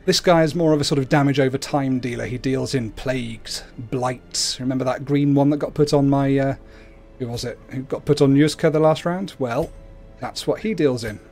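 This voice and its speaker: A man streams a video game in a casual, explanatory style. His voice sits at a medium pitch, with some music playing faintly behind him. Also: normal speed, a little mellow. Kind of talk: casual explanatory gameplay commentary. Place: indoors at a computer, webcam.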